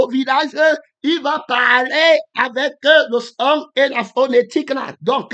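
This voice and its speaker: A man, a pastor preaching a sermon in a halting way, repeating himself and linking ideas with "alors, donc". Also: extremely high pitch, sharp tone, muffled recording.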